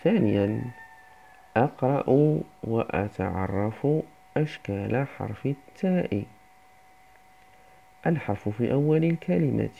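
A man teaching a first-grade reading lesson, saying each word slowly and twice for young children. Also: mid-range voice, lively intonation, creaky, slight background noise. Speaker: primary school teacher. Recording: dull lo-fi recording.

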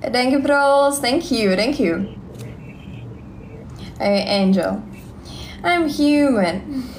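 Slow, halting Russian-accented young woman. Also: high voice, animated, roomy sound, a little hiss or hum. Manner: halting, simple English with many fillers and repeats. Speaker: livestream vlogger. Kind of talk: live stream chat, reading comments. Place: indoors, small room. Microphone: phone held close.

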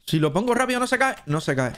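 Chatty Cuban streamer, higher-pitched man. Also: big pitch swings, fast talker, fairly bright tone. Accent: Cuban Spanish. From Cuba. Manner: chatty, thinks aloud, jumps into high squeaky voices. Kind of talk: live gameplay commentary.

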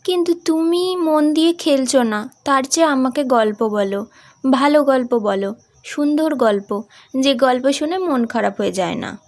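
A feverish seventeen-year-old girl from a storybook, her voice lifted high and childlike. She coaxes and pleads softly, as a woman acts her out. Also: measured pace. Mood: playful pleading.

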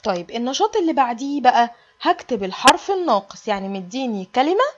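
A woman's voice: fairly high pitch, sing-song, quick pace, dull audio, a little hiss or hum. A woman with an Egyptian Arabic accent, teaching a kindergarten alphabet lesson in a sing-song way and stretching out the letter sounds for small children.

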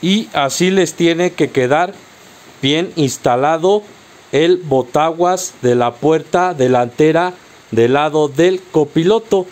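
A man's voice: on the high side, takes it slowly, a little mellow. A man with a Mexican accent narrating a step-by-step car accessory tutorial, patiently instructing viewers directly. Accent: Mexican Spanish.

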